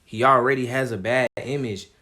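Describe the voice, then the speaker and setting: A man streaming live, talking casually in a calm, laid-back way with plenty of slang. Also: mid-range voice, normal speed. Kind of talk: casual livestream commentary.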